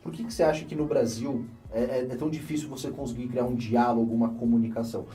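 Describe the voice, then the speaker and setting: A young man with a Brazilian Portuguese accent hosts a relaxed chat, talking in an animated way and circling back to restart his thoughts. His voice has a mellow, darker tone. He sounds a step back from the microphone. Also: medium pitch, quick pace, soft background music. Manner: animated, thinking aloud with restarts. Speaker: host. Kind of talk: casual conversation. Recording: voice a bit distant from the mic.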